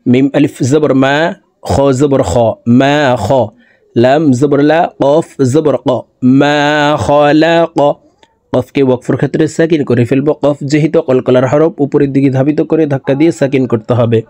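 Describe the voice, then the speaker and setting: A man teaches Quran recitation, moving between quick spoken explanations and long, melodic chanting of each verse. His voice sits a little high but sounds mellow and dark. The recording is dry, with no room sound. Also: steady tone, dry recording. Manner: slow drawn-out melodic recitation alternating with brisk explanation.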